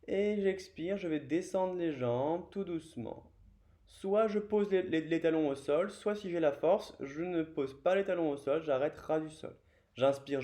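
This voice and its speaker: A man with a French accent guiding a beginner yoga class, calmly cueing each breath and movement. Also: on the high side. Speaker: yoga teacher. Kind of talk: guided yoga class instruction.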